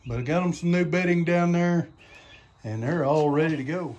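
Folksy man, higher voice. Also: normal speed, darkish tone, lo-fi sound. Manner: folksy, chatty, says y'all. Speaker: homesteading vlogger. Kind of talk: casual how-to vlog. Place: farm barn and backyard outdoors. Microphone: phone camera at arm's length.

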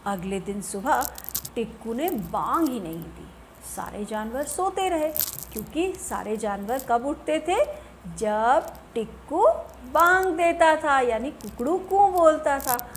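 A woman teacher reading a story aloud to young pupils, often pausing to ask and explain. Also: high-pitched, expressive, slight background noise. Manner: asks the class questions, repeats and explains. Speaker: primary school teacher.

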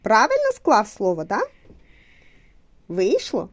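A woman's voice: on the high side, big pitch swings, a little slow, a little mellow. A young woman, a mother, patiently teaching her child at home and explaining to viewers, encouraging him and repeating short instructions.

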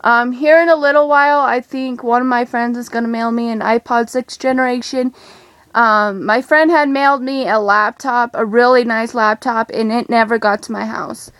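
A young woman chatting excitedly in a casual home vlog, rambling with many ums and gushing asides. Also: on the high side, normal speed, dry recording. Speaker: vlogger.

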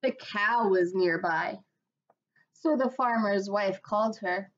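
Sitting at her desk in a small home room, a woman in her thirties who teaches performs a storybook read-aloud for her webcam. She speaks slowly and expressively in a mid-range voice, captured as dull, lo-fi webcam sound.

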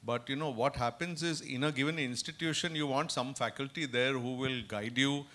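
A man, a physicist on a panel, answering in a measured, clarifying way. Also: medium pitch, pushed and bright. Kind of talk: panel discussion answering questions.

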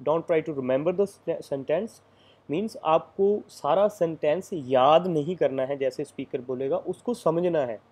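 A man's voice: a little high, a little mellow. A man giving a casual lecture as an exam coaching teacher, explaining step by step with frequent fillers.

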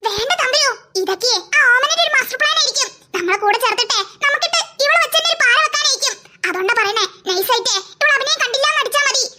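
A woman voicing a suspicious, sharp-tongued schoolgirl in a cartoon who talks snappily. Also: very high voice, animated, quick pace, heavy background noise. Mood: snappy. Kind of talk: cartoon voice acting.

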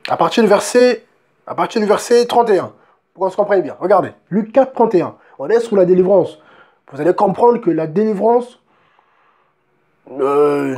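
A man preaches a sermon and reads Bible verses emphatically, often asking his listeners if they see and restarting words as he goes. His voice is high with a darkish tone.

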